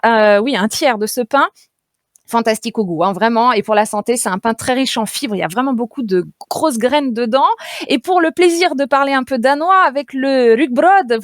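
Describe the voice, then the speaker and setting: This woman is a dietitian on a radio nutrition segment, playfully chatting and explaining with lots of fillers and easy laughter. Her pitch is fairly high, and the sound from the studio radio mic is studio quality without echo.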